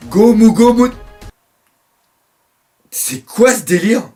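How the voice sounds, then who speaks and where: A man from France doing live reaction commentary on a manga chapter, excitable, swearing often and reading panels aloud. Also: sits high, slow pace, faint music behind.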